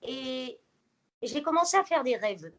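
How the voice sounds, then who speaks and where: A woman's voice: sits high, very animated, unhurried, vocal fry. A woman in her forties telling her life story to a small group, with many fillers and hesitations. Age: 40s. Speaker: guest speaker.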